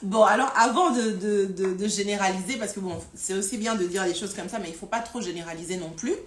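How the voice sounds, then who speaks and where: A woman with a medium-pitched voice hosts a casual live stream, speaking briskly with frequent hesitations, repeated words and fillers. The recording has a roomy echo and faint noise.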